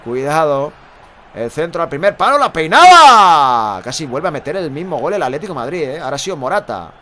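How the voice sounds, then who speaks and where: Man, 40s, live match caller reading chat; high, bright, energetic and jokey. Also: fairly quick. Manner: energetic, chatty, jokey asides. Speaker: streamer and football commentator.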